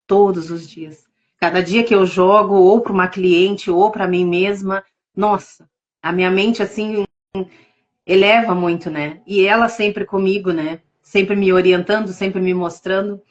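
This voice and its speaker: A Brazilian woman, a tarot reader, telling her story with deep emotion in a live interview over a video call. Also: fairly even intonation, unhurried, dull audio. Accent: Brazilian Portuguese. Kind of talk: casual testimony in a live interview.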